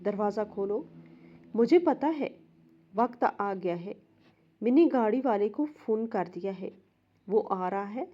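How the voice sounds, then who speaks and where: A woman's voice: mid-range voice, lively intonation, long pauses, highs cut off, natural voice. A woman voicing a stern, domineering older mother-in-law who scolds and commands harshly. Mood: urgent.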